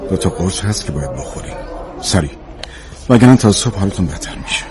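A man's voice: deep voice, animated, crowd noise. A man playing a hospital doctor, firm and reassuring with patients and their family. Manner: firm, reassuring bedside manner.

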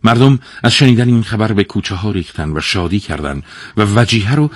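Man, folktale narrator, low voice, husky, very lively pitch, dramatic. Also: no echo, clean studio sound. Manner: expressive, dramatic storytelling. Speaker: storyteller.

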